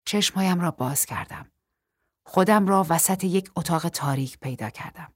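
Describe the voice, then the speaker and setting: A woman narrating a first-person novel in a measured, even storytelling manner. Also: lowish voice, husky, no room sound, studio quality. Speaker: audiobook narrator.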